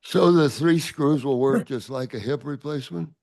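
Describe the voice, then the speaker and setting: A man's voice: on the high side, normal speed, vocal fry, darkish tone, no echo. 88-year-old man, plain questions. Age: 80s. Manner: brief backchannels, plain questions. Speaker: meeting participant. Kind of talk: casual group chat.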